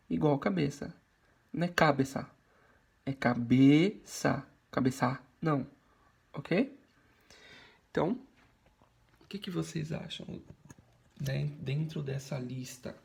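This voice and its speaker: A man's voice: on the high side, vocal fry, a little mellow. A Brazilian male teacher in a recorded video lesson, speaking patiently and checking in with frequent tag questions. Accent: Brazilian Portuguese.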